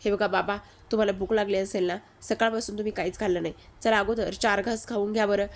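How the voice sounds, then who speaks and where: A woman's voice: mid-range voice, fairly even intonation, natural voice. A woman reading out a stern young man's commands. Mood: coaxing. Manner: bossy, hurried commands. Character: stern young man ordering others around.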